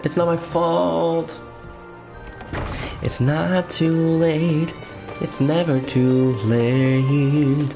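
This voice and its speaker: This streamer's voice is a little high and gravelly, with a level tone. He speaks very slowly, pausing often, as he casually comments on his game over background music, chatty and joking at his own expense.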